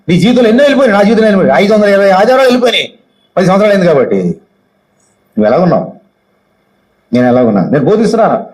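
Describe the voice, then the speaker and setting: A man's voice: fairly high pitch, rough recording. An Indian man preaching as a pastor, reading scripture aloud and often firing questions at his congregation, his voice rising and falling. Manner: questions the congregation often, swings loud and soft with repeated phrases. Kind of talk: sermon with Bible reading. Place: church hall.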